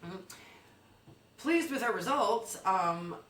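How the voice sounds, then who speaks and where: A woman's voice: mid-range voice, expressive, takes it slowly, fairly bright tone, a little hiss or hum. Playful storytelling woman, echoey and distant. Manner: playful storytelling with ums and swearing. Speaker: comedy news co-host. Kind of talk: comedic mock news story.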